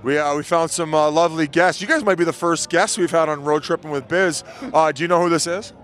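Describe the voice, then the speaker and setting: A man in his thirties, pitched a touch high, hosts a joking street interview on a city sidewalk. He teases his guest constantly and talks into a handheld mic. Loud live music plays behind him. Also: fairly quick. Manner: teasing, joking banter. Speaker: host.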